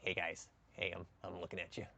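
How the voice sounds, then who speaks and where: A man's voice: deep voice, completely flat delivery, brisk, gravelly, sharp tone, slight background noise. A man in his late twenties chatting casually and profanely with his livestream chat while he cooks, joking and reading messages aloud. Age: late 20s. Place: home kitchen, stepping outside to smoke.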